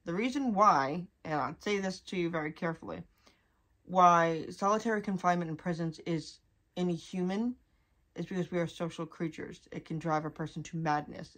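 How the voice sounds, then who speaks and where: A young woman talking candidly to her vlog audience, halting and restarting as she holds back tears. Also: on the low side, fairly bright tone. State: on the verge of crying. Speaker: vlogger.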